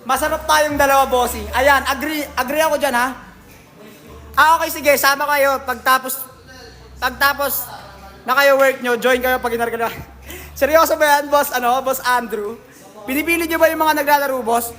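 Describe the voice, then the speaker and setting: A man's voice: extremely high pitch, fairly even intonation, moderate pace, bright, forceful tone. A man with a Filipino accent hosting a casual livestream, reading out viewer comments in a jokey, teasing way and laughing often. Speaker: livestream host at a billiards hall.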